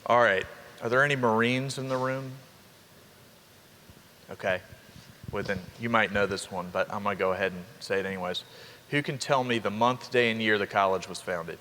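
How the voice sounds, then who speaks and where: A young man, a college dean of students giving an upbeat orientation welcome to students and parents, with quick asides to the crowd. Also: on the low side, sharp tone. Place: large hall. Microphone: handheld microphone. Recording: reverberant hall with faint ambience.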